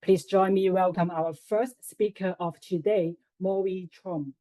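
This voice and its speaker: A woman moderates a webinar and reads out a speaker's introduction from a script. Her delivery is measured and formal. Her voice is low and mellow, and it sounds dry, with no room echo. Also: steady tone. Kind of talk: reading a prepared introduction.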